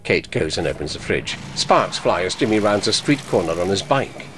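A man narrating an audio description in a measured, neutral manner. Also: deep voice, expressive, over music. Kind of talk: scripted narration.

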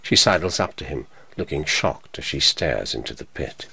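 A man narrating an audio description in a measured, neutral manner. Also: a bass voice, lively intonation, gravelly, pushed and bright, husky. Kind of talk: scripted narration.

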